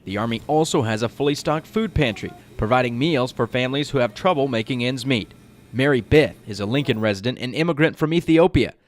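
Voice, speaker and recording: Male news reporter, American accent, medium pitch, scripted package narration. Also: brisk.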